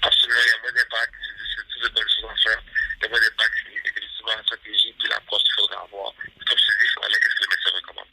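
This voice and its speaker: A fitness coach in his 30s answers interview questions over a phone line, repeating himself and tacking "right?" onto his lines. His voice is on the low side, creaky, sharp and slightly rough, with a flat delivery and a rapid-fire pace.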